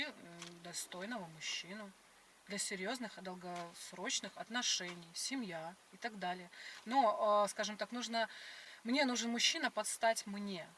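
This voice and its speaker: Haughty female date, bright forceful tone, dismissive, slightly off-mic with faint noise. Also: medium pitch, distant mic. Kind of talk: casual argumentative chat on a date. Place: inside a car.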